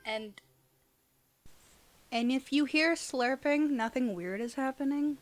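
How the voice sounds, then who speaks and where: A young adult woman with a high-sitting voice speaks slowly as a podcast co-host and audio roleplay creator. She chats and reads aloud in a casual, giggly, teasing manner.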